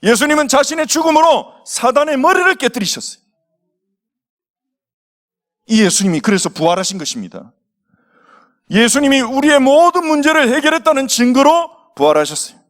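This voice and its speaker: A man's voice: very high voice, fairly bright tone. A male pastor preaching to young people, telling the story with acted quotes and asking the audience questions. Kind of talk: sermon to teenagers.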